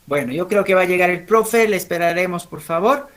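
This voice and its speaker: A man's voice: sits high, fairly bright tone. A man with a Bolivian Spanish accent teaching a language class, often asking students questions and checking they follow along. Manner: keeps checking understanding with quick tag questions; asks students questions and calls on them. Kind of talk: classroom lesson.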